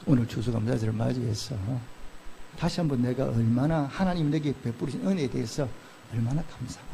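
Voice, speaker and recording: A man delivers a sermon as pastor, putting questions to his congregation and supplying the answers, moving from loud outbursts to soft, slow murmurs. His mid-range voice is gravelly, and there's a little hiss or hum.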